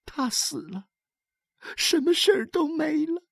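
A woman's voice: high-pitched, measured pace, gravelly, no room sound, studio quality. A woman voicing an ashamed young wife who tearfully confesses, in an audiobook dialogue. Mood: tearful confession. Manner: weeping, pleading.

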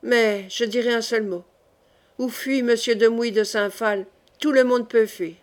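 A woman's voice: on the high side, steady tone, measured pace, natural voice. A woman voicing Coconas, a brash male swordsman who blusters and swears old oaths, in an audiobook reading. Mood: urgent.

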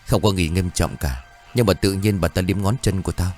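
A man voicing a calm, thoughtful boy in a told story. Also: low voice, fairly quick, faint music behind, close to an everyday voice. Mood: uneasy.

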